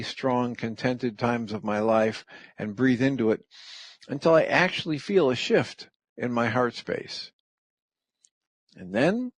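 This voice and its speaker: A middle-aged man hosting a radio show, calmly and gently walking through the steps of a practice. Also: mid-range voice, no echo. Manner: calm, gentle, step-by-step explaining. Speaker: radio host. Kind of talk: reflective talk radio teaching.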